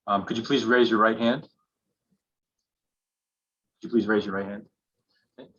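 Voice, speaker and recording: A man acting as hearings officer, calling on counsel and swearing in a witness in a halting way with many fillers, heard through a dull lo-fi hearing recording. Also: on the low side, steady tone, fairly bright tone, slightly rough. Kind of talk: formal proceeding moderation. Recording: dull lo-fi remote hearing audio.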